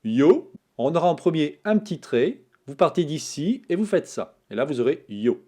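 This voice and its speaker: A man explains a lesson in an easygoing, talkative way, narrating over his screen as he writes. His voice is dark and mellow but sits a little high, and it rises and falls a lot. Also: normal speed, breathy edge. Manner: relaxed, chatty, talks while drawing strokes. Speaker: Japanese teacher, channel host. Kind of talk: casual screen-tablet writing tutorial.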